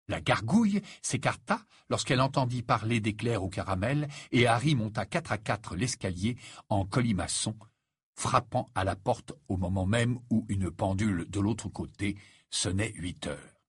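A man narrating an audiobook in an expressive storytelling way. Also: fairly low pitch, moderate pace, breathy edge, dry recording, studio quality.

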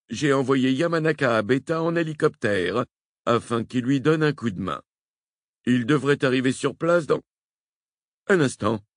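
A man reading a novel aloud, voicing a brisk, businesslike male admiral giving orders by radio. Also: mid-range voice, dry recording, clean studio sound, voice pushed up, natural voice.

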